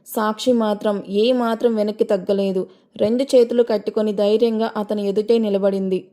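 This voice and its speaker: A woman narrating a dramatic audio story in a measured, storytelling manner. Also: mid-range voice, fairly even intonation, mellow.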